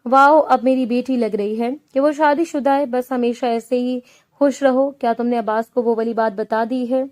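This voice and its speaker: A woman's voice: a little high, steady tone, darkish tone, lightly acted. A woman reading the part of a doting, cheerful middle-aged mother in a spoken novel.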